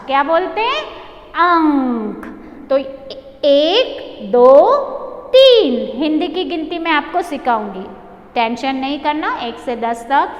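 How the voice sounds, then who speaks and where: High-pitched woman teaching small children. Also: fairly bright tone. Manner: slow, drawn-out model pronunciation for children to repeat; coaxing, asks the class questions and praises them. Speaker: primary school Hindi teacher. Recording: echoey room recording.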